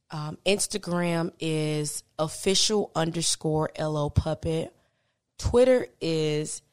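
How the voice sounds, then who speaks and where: A woman with a notably low voice talks through her stories in a relaxed, conversational way. She laughs easily as she goes. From time to time she turns playful and animated. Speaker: guest, business founder. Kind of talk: casual interview chat.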